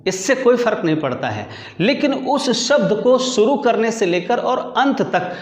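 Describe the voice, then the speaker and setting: A man's voice: very high-pitched, big pitch swings, unhurried. A man teaching an English grammar lesson, repeating key words and putting questions to his students. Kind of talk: classroom lecture in Hindi. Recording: echoey room.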